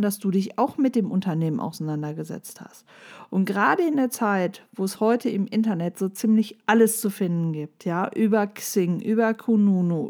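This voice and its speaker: Woman, application coach, mellow voice, direct and lively delivery. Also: mid-range voice. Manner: direct, lively, addresses listener as du. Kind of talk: coaching monologue with tips.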